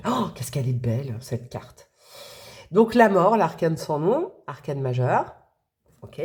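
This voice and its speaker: A woman's voice: sits low, a little hiss or hum. A woman giving a casual tarot reading to her viewers, talking in a friendly, hesitant way with many fillers and restarts. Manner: friendly, addresses viewers directly. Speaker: tarot reader.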